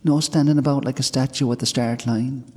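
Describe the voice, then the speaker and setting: A man's voice: medium pitch, steady tone, a little fast, mellow, husky, pitched above the performer's own voice, lightly acted. A man voicing a frightened young farm girl who fiercely protects her horse. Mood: pleading. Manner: pleading, breathless urgency. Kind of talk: storytelling. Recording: long hall reverb.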